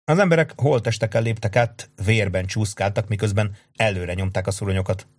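A man with a fairly low voice narrates a book in a steady, dramatic way. The sound is dry and close, with no room around it. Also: dry recording. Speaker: audiobook narrator. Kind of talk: scripted narration.

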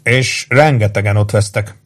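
A man's voice: lowish voice, close to an everyday voice. A man reading aloud and voicing a boyish young air officer who speaks in a mournful, apologetic way. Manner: sheepish, mournful.

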